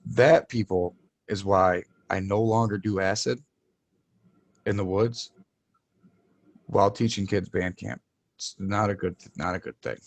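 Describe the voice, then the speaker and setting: Laid-back stoner man with a low voice. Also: fairly even intonation, a little slow, creaky, long pauses, no room sound. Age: adult, parent of young child. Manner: swears freely. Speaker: podcast co-host. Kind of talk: casual podcast banter and storytelling.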